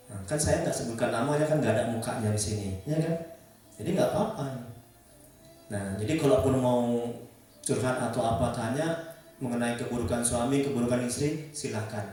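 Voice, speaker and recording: A man preaching and counseling a small congregation in a gentle, repetitive way, often asking his listeners questions. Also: mid-range voice. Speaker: Islamic preacher leading a ruqyah session. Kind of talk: religious counseling talk to a congregation. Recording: echoey room, distant mic, faint music.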